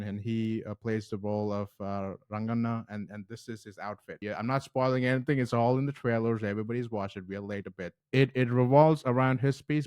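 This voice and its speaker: A man's voice: medium pitch, darkish tone, smooth, no echo, studio quality. A man hosting a casual movie review vlog, talking in an enthusiastic, conversational way.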